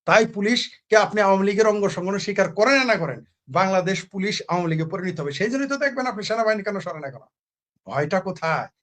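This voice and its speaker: A man's voice: sits high, lively intonation, fast talker, fairly bright tone. A man from Bangladesh speaking as a political commentator in a heated talk-show argument, full of rhetorical questions and repeated phrases.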